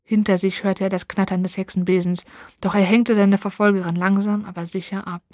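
Woman, storybook narration, dramatic, expressive, mid pitch, dry close sound. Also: brisk, no echo.

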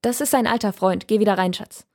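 A woman reading an audiobook and voicing a worn-out, troubled young mother who speaks tiredly and quietly. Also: medium pitch, brisk, close to an everyday voice. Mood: weary. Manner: tired, quiet, breaks into tears.

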